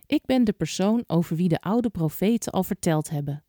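A woman voicing a calm, kind male teacher in a storybook tale, speaking gently and evenly. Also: fairly low pitch, normal speed, no echo, clean studio sound, natural voice.

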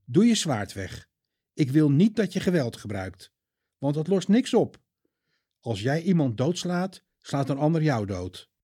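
A man voicing Jesus as a calm, gentle but firm adult man in a storybook reading. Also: on the high side, breathy edge, pitched above the performer's own voice, full character voice. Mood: stern. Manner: measured, gentle, sometimes stern.

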